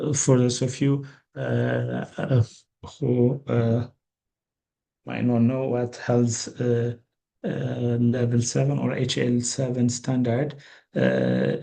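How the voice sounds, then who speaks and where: A man from Ethiopia delivers a training lecture in a slow, hesitant way. His voice is dark and gravelly, with a flat, even delivery broken by frequent fillers and restarts. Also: mid-range voice.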